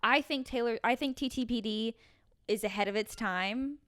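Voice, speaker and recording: A young woman co-hosting a casual podcast, playful and teasing. She speaks emphatically. Her voice is smooth and clear, recorded dry and close. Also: on the high side, normal speed, a bit bright, dry recording. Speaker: podcast co-host. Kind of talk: casual chat.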